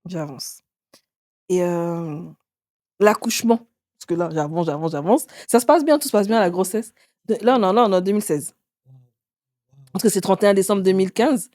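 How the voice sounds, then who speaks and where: Woman in her 40s telling her story to an interviewer, mid pitch, acts out the other people, dry close sound. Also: moderate pace, long pauses, dry recording. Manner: animated, acts out others' words with sudden pitch jumps. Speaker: author and interview guest.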